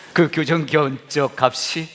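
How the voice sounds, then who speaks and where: A man's voice: on the high side, fairly bright tone, a little hiss or hum. A man in his forties preaching a sermon, telling a personal story animatedly and acting out his own reactions. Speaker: pastor.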